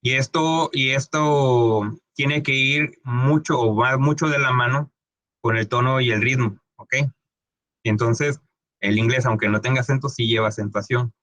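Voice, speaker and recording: Bright-voiced man teaching English sounds. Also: medium pitch, steady tone, measured pace, no room sound. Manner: conversational, often asks "¿ok?"; many fillers and restarts, stretches words to demonstrate sounds. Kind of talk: casual explanatory lesson.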